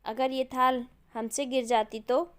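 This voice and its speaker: A stern, scolding older aunt with a lilt, put on by a woman reading a storybook. The voice sits high and sounds smooth and clear. She lectures sharply and without pause. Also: steady tone, fairly bright tone.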